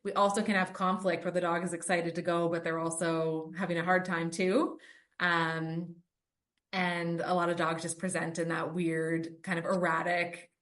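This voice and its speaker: A woman with a fairly low-pitched voice hosts a dog-training podcast. She talks casually and works through her points with lots of "um" and "like" fillers. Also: flat delivery, moderate pace, fairly bright tone. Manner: lists points with many "um" and "like" fillers. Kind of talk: conversational podcast talk.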